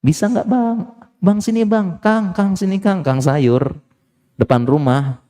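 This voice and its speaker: A man playing a coy housewife sweet-talking the vegetable seller for a lower price. The voice is lifted high and soft, coaxing and playful, with a mellow tone. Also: a little slow, long reverb tail. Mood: flirty coaxing.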